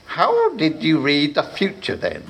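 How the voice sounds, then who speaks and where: A man's voice: on the high side, huge pitch swings, measured pace, gravelly, fairly bright tone, husky, voice pushed up, full character voice. A man doing a pompous reptilian warlock. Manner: stern, self-important.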